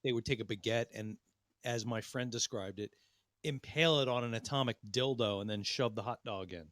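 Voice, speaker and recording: A man's voice: mid-range voice, fairly quick, fairly bright tone. A man hosting a podcast in casual banter, rambling with restarts and crude jokes. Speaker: podcast host.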